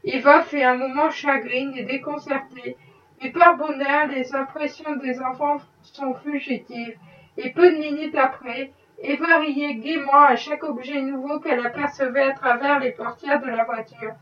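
A woman reading a classic novel aloud in an even, measured way. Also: high voice, distant mic, lo-fi sound, a little hiss or hum. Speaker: audiobook reader. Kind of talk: novel narration.

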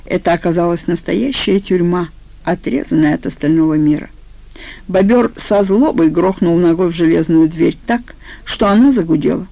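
A woman narrating an audiobook in a steady, even storytelling voice. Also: on the low side, normal speed, creaky, highs cut off. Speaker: audiobook reader.

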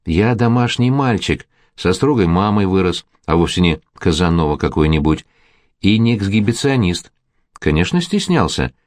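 A man's voice: low-pitched, big pitch swings, moderate pace, no room sound, studio quality. Man playing an earnest grown actor in his thirties. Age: 30s.

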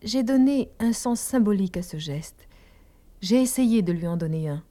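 A woman narrating a novel in the first person, slow and hushed, often dropping into a whisper. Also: medium pitch, expressive. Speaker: audiobook narrator.

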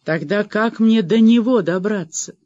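A man's voice: high-pitched, a little slow, darkish tone, no room sound, lo-fi sound, voice pushed up. Man voicing a desperate drunk woman. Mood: pleading. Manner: wheedling, tearful.

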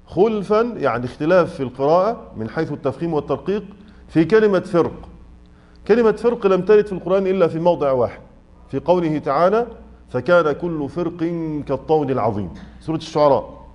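A man with an Egyptian accent teaching the rules of Quran recitation, mixing classical and colloquial speech, asking his class short check questions and slowly drawing out example words. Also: a little high, lively intonation, darkish tone, muffled recording. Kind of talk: tajweed lesson explaining a poem. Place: mosque study circle.

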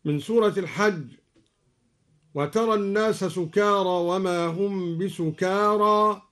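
A man from Egypt giving a radio lesson on recitation variants, calmly explaining each point and then chanting the verse slowly and melodically. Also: sits high. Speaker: Quran recitation teacher.

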